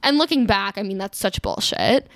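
A woman's voice: mid-range voice, animated, moderate pace, a bit bright, no room sound. A woman in her twenties from Maryland, rambling through her life story in a casual chat, full of fillers and restarts. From Maryland, USA. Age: 20s. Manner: rambling, many fillers and restarts, laughs easily.

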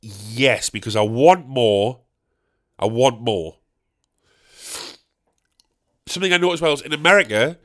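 The solo podcast host, a stand-up comic recording from his bedroom, speaks at medium pitch, a little fast and a bit bright, his voice snotty and blocked by a cold. He rambles along, joking at his own expense with frequent comic asides.

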